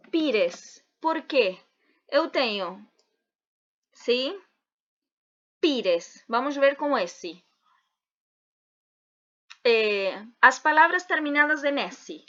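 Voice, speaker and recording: A woman teacher giving an online grammar lesson, talking slowly and deliberately and spelling out word endings. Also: on the high side, pushed and bright. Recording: dull lo-fi video audio.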